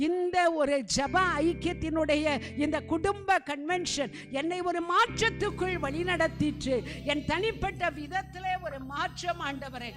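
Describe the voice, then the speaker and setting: A woman's voice: very high voice, unhurried, over music. Woman prayer leader, fervent pleading prayer, repetitive calls to God. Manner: fervent, pleading, repeats phrases to the crowd; often calls out to God between phrases. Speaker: prayer leader at a revival meeting. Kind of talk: leading a congregation in spoken prayer.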